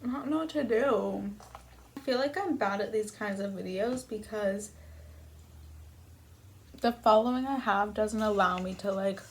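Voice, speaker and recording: A woman's voice: fairly high pitch, a little hiss or hum. A young woman vlogger talking casually between bites in an eating video, rambling, self-deprecating and casually sweary. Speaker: mukbang vlogger.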